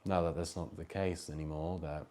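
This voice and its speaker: A young man speaking slowly and wistfully in an interview. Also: rumbling low, little pitch movement, darkish tone. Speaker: student. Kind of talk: personal interview testimony.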